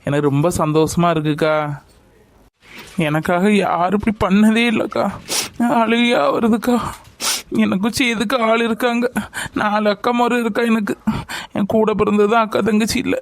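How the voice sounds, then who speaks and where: A man's voice: high voice, fairly even intonation, brisk, dry recording, close to an everyday voice. A man voicing a grateful, emotional pregnant young woman in a family skit. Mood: tearful.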